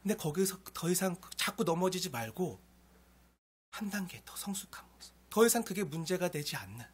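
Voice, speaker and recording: A man preaching a sermon as pastor, moving between loud pleading and hushed, near-whispered lines. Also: high voice, sing-song, fairly quick, slightly rough.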